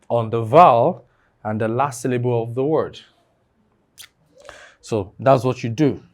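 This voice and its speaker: A man's voice: mid-range voice, darkish tone. A man teaching an online exam-prep lesson, repeating key phrases and asking the class fill-in questions.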